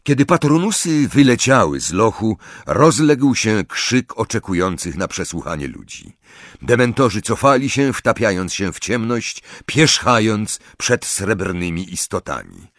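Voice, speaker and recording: A man's voice: lowish voice, animated, a little slow, a bit bright, no echo, studio quality. A man narrating an audiobook in a dramatic, varied storytelling manner. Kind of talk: scripted narration.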